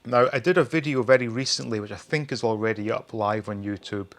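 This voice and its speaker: A man in his forties hosts a retro toy channel, chatting wryly to viewers in a casual hobby review. His voice is mid-range and brisk.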